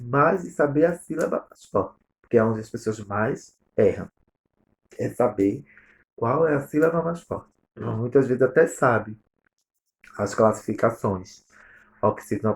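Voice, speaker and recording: A man's voice: fairly low pitch, gravelly. A male teacher with a Brazilian Portuguese accent, going over exercise answers step by step in a recorded lesson review. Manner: explains step by step, reading answers aloud.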